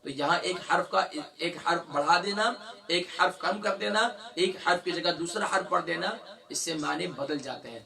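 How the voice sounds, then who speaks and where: A man's voice: high-pitched, gravelly, pushed and bright, far from the mic. A man teaching Quran recitation in a tajweed lesson. He asks the class questions, answers them himself, and stretches out letter sounds to demonstrate them.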